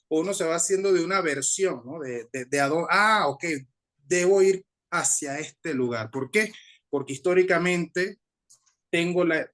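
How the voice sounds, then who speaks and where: Mexican male musician, interview guest, slightly high voice, searching and reflective delivery with many restarts. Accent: Mexican Spanish. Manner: thoughtful, hesitant, with frequent restarts and tag questions. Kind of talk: conversational interview answer.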